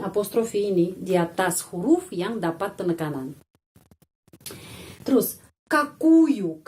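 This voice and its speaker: A woman teaching a language lesson, speaking slowly and repeating each word carefully to drill pronunciation. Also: on the high side, darkish tone.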